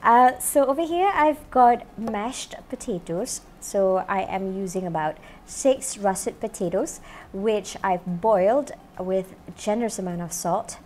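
Cooking on her show in an indoor, home-style kitchen studio, a woman in her thirties talks upbeat to the camera and often says "you know." Her medium-pitched voice is lively and a touch mellow, unhurried, and her lapel mic adds slight hiss or hum.

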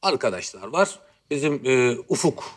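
A man's voice: medium pitch, big pitch swings, normal speed. A male guest on a talk show, telling a funny story in a playful, amused way. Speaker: guest musician.

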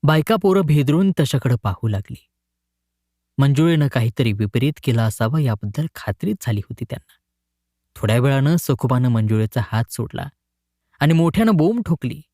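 A man narrating a short story in a dramatic, expressive reading. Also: mid-range voice, brisk, dry recording, studio quality.

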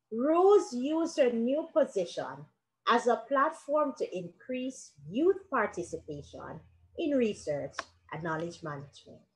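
A woman presenting in a video call, reading a scenario story aloud slowly and stressing names and key words. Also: medium pitch, low-quality recording.

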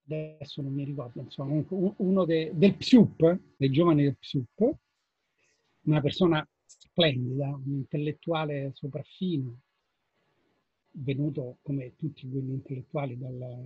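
A man's voice: mid-range voice, slightly rough, no room sound. An older Italian man, a former trade unionist, telling anecdotes to an audience in an earnest, casual way that slips into swearing. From Italy. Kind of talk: storytelling talk to an audience. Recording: tinny phone-like sound, dry.

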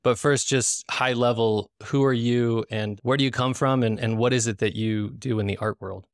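A man's voice: mid-range voice, steady tone, normal speed, no room sound, clean studio sound. A man in his thirties hosting a casual podcast interview over a headset, asking friendly questions and often restarting his phrases. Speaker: podcast host. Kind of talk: casual interview on a video call. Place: living room indoors. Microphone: headset with boom mic on a video call.

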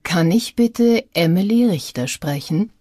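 A woman reading an audiobook, voicing a scheming man who poses as a polite reporter with an oily, drawn-out manner. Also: on the low side, lively intonation, mellow, no room sound, studio quality.

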